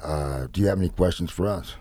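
A man's voice: low-pitched, fast talker, dark tone, no room sound. A man co-hosting a podcast in casual chat, making playful, jokey remarks. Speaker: podcast co-host.

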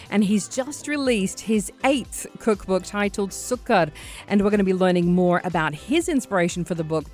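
A woman's voice: medium pitch, a little mellow. Upbeat woman presenting a radio show over music. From Australia. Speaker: radio host interviewing a chef. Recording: music bed behind voice.

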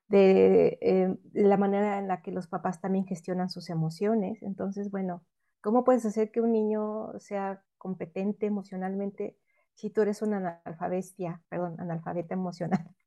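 A woman's voice: medium pitch, mellow. A woman, a guest expert explaining emotional education in an interview, often asking questions and answering them herself.

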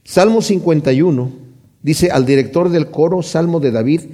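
A male preacher delivers a sermon on the Psalms in a fairly high, warm and mellow voice. He speaks with passion and emphasis, returning again and again to the same strong words. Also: moderate pace. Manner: impassioned, emphatic, repeats key words.

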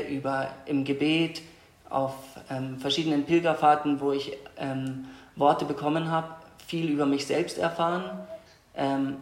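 A young man from Austria, a guest in an interview, tells his personal story in a hesitant, reflective way with many pauses and restarts. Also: fairly high pitch. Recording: echoey room.

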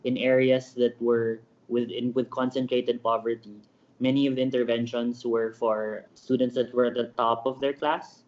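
A man's voice: medium pitch, flat delivery, moderate pace, darkish tone. A man answering interview questions over an internet call. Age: 30s. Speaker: guest, education project founder. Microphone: Skype call. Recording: slightly dull internet call audio.

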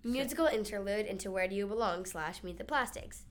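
A woman's voice: mid-range voice, a little fast. A young woman co-hosting a musical theater segment, plainly announcing the show's parts as if reading from notes. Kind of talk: semi-scripted segment presenting.

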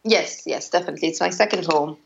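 A woman's voice: sits low, fast talker, vocal fry, crowd noise. A woman in her thirties, a musician, answering interview questions in a hesitant way with many restarts. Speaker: interviewee, musician and former teacher. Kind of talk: conversational interview. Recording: dull lo-fi sound with faint noise.

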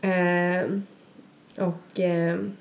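A woman's voice: fairly low pitch, level tone, creaky. A young woman casually telling a long story on a podcast, rambling with many fillers and acted-out quotes. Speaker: podcast co-host.

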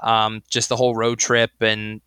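A man's voice: fairly low pitch, completely flat delivery, moderate pace, pushed and bright, smooth, dry recording. A young man co-hosting a podcast in casual chat, rambling with lots of fillers and restarts. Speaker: podcast co-host.

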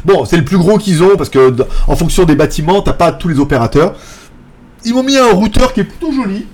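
A man hosting a casual tech live stream, rambling and joking, laughing often and mimicking other people in a high voice. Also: animated, a little fast, a little mellow. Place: apartment in Thailand.

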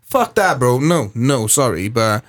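A young man chatting on a podcast. He tells stories with animated energy, dropping slang and swearing freely. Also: mid-range voice, a little slow. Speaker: podcast co-host. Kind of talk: casual chat.

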